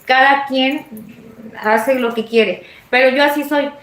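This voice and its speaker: Mexican woman host, chatty live-stream storyteller, lively high voice, roomy echo. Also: takes it slowly. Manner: animated, swoops high when retelling scenes. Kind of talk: casual storytelling to viewers.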